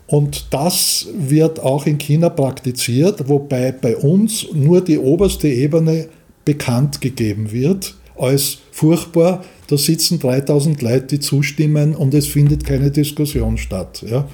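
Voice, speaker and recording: A man's voice: medium pitch, mellow. A man in his seventies with an Austrian accent, answering as a studio guest, hesitant, with many fillers and restarts. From Austria, Vienna. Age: 70s. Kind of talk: interview answers.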